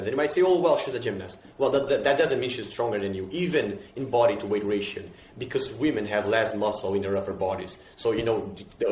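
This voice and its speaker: A man's voice: mid-range voice, reverberant, slight background noise. A man with a Brazilian accent explaining fitness ideas casually and emphatically, often repeating himself and asking rhetorical questions.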